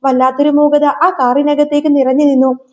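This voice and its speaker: A woman's voice: high-pitched, flat delivery, moderate pace, darkish tone. A woman narrating a serial episode as a dramatic, emotional story retelling.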